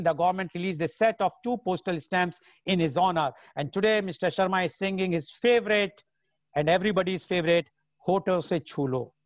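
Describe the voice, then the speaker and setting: High-voiced North Indian man hosting. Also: no room sound. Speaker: host of an online singing show. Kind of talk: informal event hosting, reading out comments and an artist introduction.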